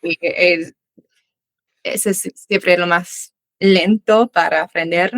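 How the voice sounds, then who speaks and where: A fairly low-pitched female voice, slow and fairly even, with no echo, belongs to a young Australian woman. She's a native English speaker and English teacher appearing as a guest in a casual interview, giving answers in learner Spanish marked by Uruguayan voseo, many restarts and fillers.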